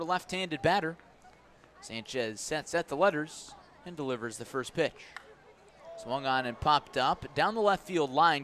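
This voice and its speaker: Here a radio play-by-play man with a medium pitch and fairly bright tone describes live baseball action, raising his voice as plays unfold. The recording picks up outdoor ambient noise from the ballpark where he's calling the game.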